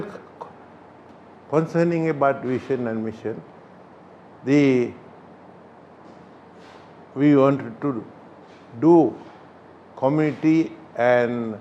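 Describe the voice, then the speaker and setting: An older man from Sri Lanka, a Buddhist chief priest, answering interview questions in a halting way with many pauses. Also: medium pitch, a little mellow, slight background noise. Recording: slightly dull recording.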